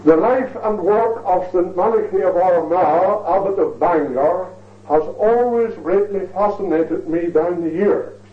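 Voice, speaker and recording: High-voiced lecturer, tinny distant. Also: male voice. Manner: measured, ornate, repeats phrases for emphasis. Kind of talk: formal history lecture. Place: lecture hall. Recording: tinny, echoey recording from far off.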